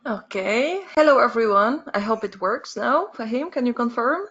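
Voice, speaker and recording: A woman's voice: fairly high pitch, animated, normal speed, a bit bright. Woman presenting an art webinar. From Poland. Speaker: concept artist giving a webinar. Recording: lo-fi webinar audio.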